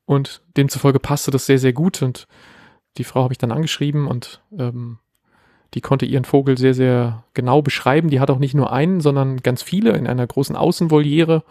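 A man's voice: medium pitch, steady tone, normal speed, dark tone, no echo, studio quality. A man in his thirties, co-hosting a podcast, telling a story casually with many fillers. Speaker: podcast co-host. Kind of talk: casual chat.

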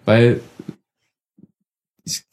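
A man co-hosting a podcast, chatting in a relaxed way. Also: extremely slow. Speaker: podcast co-host. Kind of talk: casual chat.

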